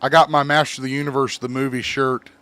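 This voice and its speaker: A man's voice: mid-range voice, flat delivery, quick pace, a bit bright, dry recording. A man co-hosting a casual podcast, laughing often and swearing freely while reading out entertainment news. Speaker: podcast co-host. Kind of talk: casual chat.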